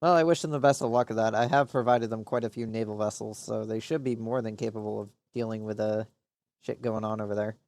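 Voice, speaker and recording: A man's voice: on the low side, fairly even intonation, fast, a little mellow, no room sound. A man casually commenting on his strategy game during a live stream, rambling and muttering to himself with frequent swearing.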